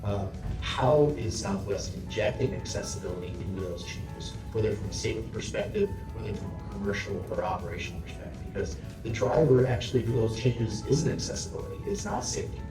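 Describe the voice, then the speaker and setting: A man moderates a conference panel and asks probing questions in a lowish voice. He is heard from afar in an echoey room with music behind. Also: expressive, a little fast. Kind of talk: panel discussion. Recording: echoey room, distant mic.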